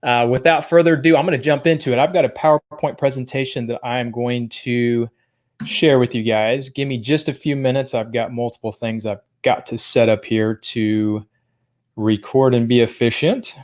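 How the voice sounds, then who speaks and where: A man's voice: mid-range voice, fairly even intonation, normal speed, darkish tone. Upbeat guy doing a live business training from his home office, rambly, lots of ums and uhs. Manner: upbeat, rambling, many fillers. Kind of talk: live-streamed training talk.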